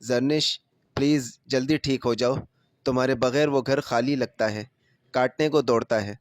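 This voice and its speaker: A man voicing a remorseful young husband who speaks softly and tearfully in a storybook reading. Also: medium pitch, steady tone, dry recording, clean studio sound, natural voice. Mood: grieving. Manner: soft and tearful.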